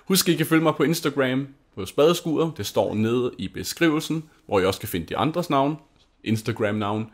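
This young man from Denmark hosts a gaming channel, talking in a mid-range voice with lively intonation. His casual commentary over the gameplay gushes and wanders, full of fillers and false starts.

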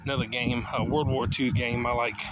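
It's a very noisy clip: a middle-aged vlogger talks casually into an arm's-length phone while walking outdoors through the suburbs. His mid-range, level voice moves briskly, and his easygoing monologue rambles with many fillers.

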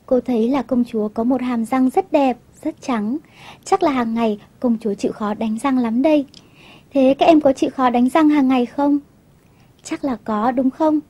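A woman teaching children English on television, telling a story and asking them gentle questions. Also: high voice, normal speed, slightly rough.

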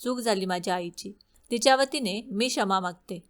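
A woman's voice: medium pitch, moderate pace, fairly bright tone, natural voice. Woman voicing a pleading young princess. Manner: pleading, apologetic. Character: distressed young princess, gentle and humble.

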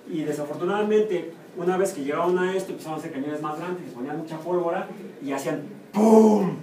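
Male professor with a Mexican accent, fairly high voice, lively lecturing, heard from across an echoey, noisy room. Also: fast talker. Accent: Mexican Spanish. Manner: lively, chatty, asks the class questions and answers them himself. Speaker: university biomathematics professor. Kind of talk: classroom lecture. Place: lecture classroom. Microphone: room or camera mic from a distance. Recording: echoey classroom, far from the mic, noisy.

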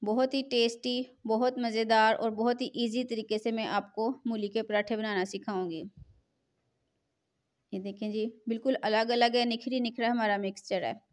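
A woman's voice: fairly high pitch, flat delivery, moderate pace. A middle-aged woman, hosting a home cooking tutorial in a chatty, repetitive voice-over. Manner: chatty, repeats filler phrase "jo hai na". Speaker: cooking channel host.

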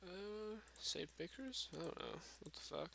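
A man's voice: high-pitched, lively intonation, unhurried, creaky, heavy background noise. A drunk young man rambling casually and swearing through a gaming vlog, recorded on a substitute microphone. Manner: profane, aimless rambling. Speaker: gaming vlogger. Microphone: makeshift substitute microphone, screen-capture voice-over.

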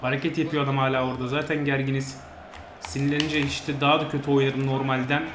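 A man giving frustrated, grumbling commentary over a football video game, now and then yelling at his players. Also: mid-range voice, level tone, quick pace. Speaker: gaming channel host. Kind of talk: live commentary over gameplay. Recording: roomy sound with faint noise.

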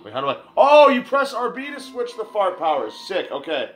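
A man giving casual, excitable let's play commentary, exclaiming and talking back to his game. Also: high-pitched, normal speed. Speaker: video game player. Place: room indoors in front of a TV. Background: game music and sounds.

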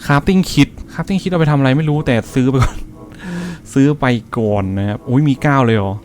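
A man's voice: mid-range voice, expressive, fairly quick, darkish tone. A young man hosting a gaming channel, chatting to his viewers through a let's-play, laughing and swearing casually.

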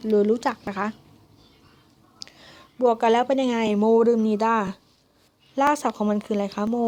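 Young female language tutor, slightly high voice, patient and polite, slow step-by-step delivery. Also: darkish tone, a little hiss or hum. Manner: slow, syllable-by-syllable explanation with frequent polite particles. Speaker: Korean language teacher. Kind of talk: spoken grammar lesson.

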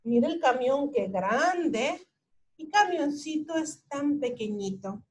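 A woman with a high voice reads a picture book aloud to little kids. She takes it slowly, pausing to point things out on the page. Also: animated. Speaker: Spanish teacher for young children. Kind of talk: children's story time read-aloud.

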